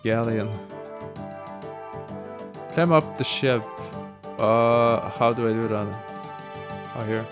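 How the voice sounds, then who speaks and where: Relaxed male game streamer. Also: medium pitch, slow, pauses often. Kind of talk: casual game livestream chat. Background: game music.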